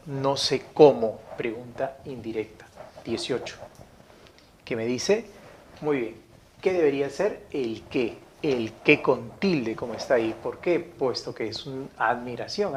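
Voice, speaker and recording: A man teaching a grammar lesson, reading each example sentence slowly, saying it twice and checking in with his listeners. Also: medium pitch, slight background noise.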